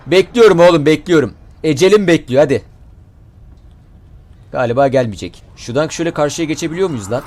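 Excitable male gamer with a lively voice. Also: mid-range voice, a little hiss or hum. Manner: excitable, swearing, shouting at enemies. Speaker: gaming YouTuber. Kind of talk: let's play commentary.

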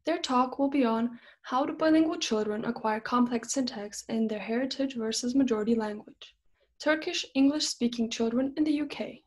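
A young woman with a fairly high voice at normal speed delivers a scripted introduction to camera for the interview series she hosts. She's recorded indoors in a small, plain room.

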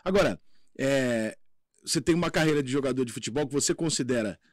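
A man hosting an interview, chatting in a rapid, joking, profane banter. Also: medium pitch, no room sound, clean studio sound. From Brazil. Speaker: interview host. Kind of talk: casual interview chat.

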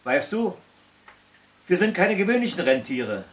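A man's voice: high-pitched, measured pace. A man voicing a spirited, mocking female reindeer in a storybook reading. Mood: chatty. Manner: mocking, lively.

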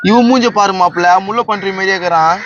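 A man's voice: sits high, quick pace, lo-fi sound, very noisy, close to an everyday voice. A man acting a brash young man who argues and bickers with his friend. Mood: mocking. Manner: brash, quarrelsome.

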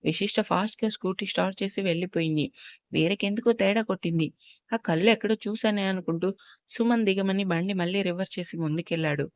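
A narrator telling a love story in a lively, colloquial storytelling manner. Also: mid-range voice, fast talker, no room sound.

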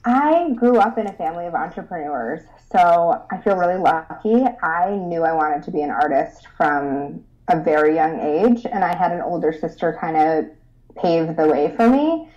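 A young adult woman from Rochester, New York, is a guest designer in a casual interview, sounding bubbly and eager and laughing often. Her voice sits on the low side and is a little mellow, with lively intonation at a moderate pace. The recording has a dull, lo-fi sound.

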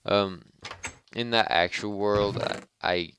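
A man's voice: fairly low pitch, steady tone, slow, a bit bright, slight background noise. A man giving casual, rambling gameplay commentary with a harsh voice, joking and chatting with his viewers. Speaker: let's play host.

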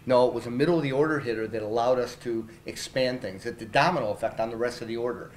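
A middle-aged man who manages a baseball team answers post-game questions in a small press room before a logo backdrop, his medium-pitched voice fast and candid, full of fillers and restarts. Reporters hold handheld mics up close, and the rough recording has slight background noise.

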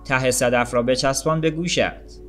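A man voicing a gentle, loving young mother in an audiobook story, speaking softly and coaxingly. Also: medium pitch, steady tone, soft background music, close to an everyday voice. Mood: tender. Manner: soft, coaxing, smiling.

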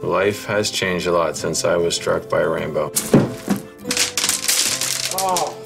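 A candy man from an ad, real low gravelly voice, deadpan and pleased with himself. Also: over loud music, full character voice. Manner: slow, deadpan, contented. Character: cheerful man made of candy. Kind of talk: scripted commercial monologue.

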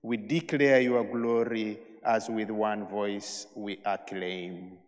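A man, a priest, intoning the prayers of Mass in a solemn, measured way, with a cathedral echo around his voice. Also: lowish voice, fairly even intonation. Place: large church. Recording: long church reverb.

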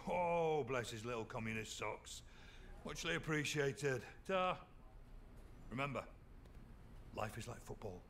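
Chatty, gravelly cook. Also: male voice, mid-range voice, lively intonation, a little slow, pauses often, slight background noise. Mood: jovial. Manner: jovial, gently chiding. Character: kindly, devout, chatty male oil rig cook.

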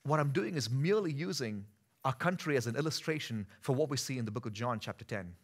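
On a church stage, a thirtysomething pastor from India preaches with an Indian accent, alternating casual talk with powerful emphasis. His mid-range voice is expressive and moves at a quick pace.

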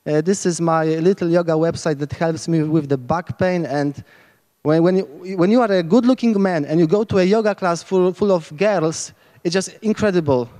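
Here the Polish man in his thirties sounds mellow and on the high side, speaking at a moderate pace in what sounds like a large hall. With a handheld mic at the big tent stage of a hacker camp, he gives an enthusiastic, rambling lightning talk, often restarting his sentences in this informal conference setting.

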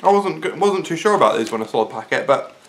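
A British man with a slightly high voice talks informally to camera as a food reviewer. He mulls things over aloud in casual, everyday language. The recording comes from a living room, with faint noise and packet crinkle behind him. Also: expressive, quick pace, poor audio. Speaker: food reviewer, video host. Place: small living room, sofa, indoors.

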